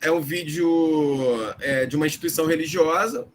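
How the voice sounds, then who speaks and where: Brief: middle-aged Carioca school director, slightly high voice, talkative webinar teacher, mimics fussing parents. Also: male voice, fairly even intonation, moderate pace, a little hiss or hum. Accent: Rio de Janeiro Portuguese. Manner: chatty, asks "né?" often, acts out anxious parents in a high voice. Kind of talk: lively webinar talk to parents.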